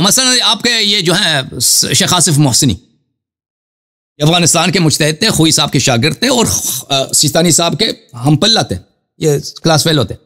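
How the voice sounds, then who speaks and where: A man gives a fervent religious talk in a fairly high voice. His pitch leaps up and down as he drives each point home. He repeats himself for emphasis and calls out to his listeners as brothers. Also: fairly bright tone. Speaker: Shia cleric answering a question.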